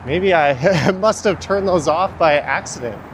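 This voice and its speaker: A man's voice: on the high side, a little slow. A man, sniffling from the cold, giving casual, opinionated livestream commentary while walking outdoors. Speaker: livestream host. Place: outdoors, walking along a city street in winter. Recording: clear street traffic noise outdoors. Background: traffic and urban street noise.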